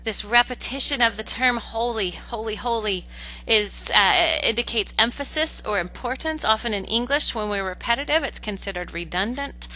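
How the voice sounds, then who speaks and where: A woman teaching a Bible study lesson in an earnest, explanatory way, often pausing with "uh" and restarting her sentences. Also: a little high, expressive, pushed and bright, poor audio.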